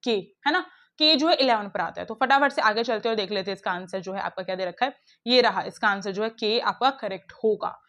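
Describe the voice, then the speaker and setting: A woman teacher explaining puzzles step by step in a brisk, coaxing way, talking straight to her students. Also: mid-range voice, a bit bright. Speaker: online teacher. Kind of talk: classroom lesson explaining puzzles.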